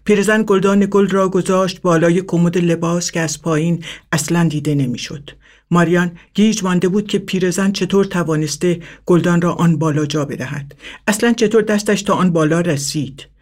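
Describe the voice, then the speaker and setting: Male narrator for a literary short story, steady reading, slightly high voice.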